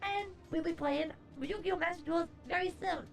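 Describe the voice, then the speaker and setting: A woman's voice: very high voice, normal speed, vocal fry. A woman hosting a livestream in playful, theatrical chat with a horror-host flair. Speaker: livestream host, VTuber-style streamer. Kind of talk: theatrical horror-host greeting turning to casual stream chat. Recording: music behind the voice.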